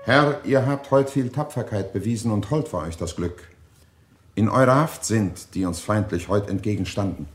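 A man's voice: lowish voice, normal speed, slight background noise, close to an everyday voice. A man playing a stern, authoritative duke and war leader in a classic theatrical radio play. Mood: stern, controlled.

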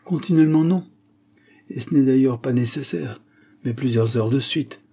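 A man reads a composed, sharp-minded detective in an audiobook. The voice is mellow and a touch husky, and it stays steady and certain as the detective explains himself. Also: mid-range voice, normal speed. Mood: assured. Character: calm, confident male detective, sharp-minded. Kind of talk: audiobook character reading.

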